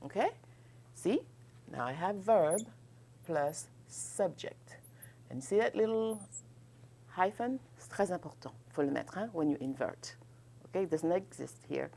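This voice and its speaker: A woman's voice: on the low side, expressive, slow, gravelly, pauses often, warm tone. A woman teaching a French grammar lesson, explaining in English and modelling French questions with exaggerated rising intonation, often checking in with "ok?". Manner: checks in often with "ok?", laughs lightly. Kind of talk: bilingual classroom grammar lesson.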